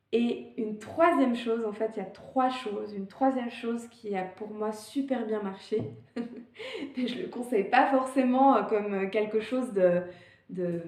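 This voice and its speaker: Woman, casual advice talk, hesitant with fillers, higher voice, echoey room. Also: dark tone. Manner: hesitant, many fillers and restarts. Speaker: climbing vlogger.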